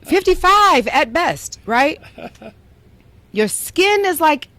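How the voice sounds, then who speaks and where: This young adult podcast host tells a story in playful, casual conversation, using "like" as filler over and over. Her high-pitched voice is sing-song, pushed and bright, delivered slowly. The recording is dry.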